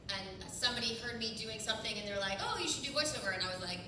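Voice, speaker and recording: A woman's voice: a little high, racing. A woman from Michigan, a voice actor, talking frankly and with animation about her work on a convention panel. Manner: chatty, candid, animated storytelling. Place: large convention hall. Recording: echoey hall, distant camera mic, noisy.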